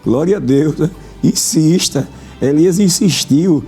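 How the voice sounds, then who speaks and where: Fervent preaching man, mellow voice. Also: on the high side, slow, faint music behind. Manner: fervent, repeats phrases for emphasis. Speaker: pastor, program host. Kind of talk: religious talk show, preaching.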